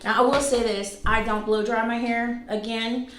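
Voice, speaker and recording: A forty-ish woman hosts a product-review vlog, speaking informally and conversationally with self-mocking asides. Her slightly high voice shows little pitch movement and keeps a moderate pace. Echo and faint background noise are audible.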